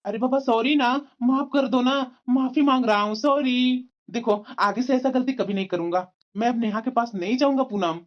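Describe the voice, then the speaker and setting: A woman's voice: a little high, normal speed, dull audio, natural voice. A woman voicing a sly cheating husband. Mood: coaxing. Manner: coaxing and evasive, many fillers. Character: cheating young husband, smooth-talking office boss. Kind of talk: cartoon voice acting.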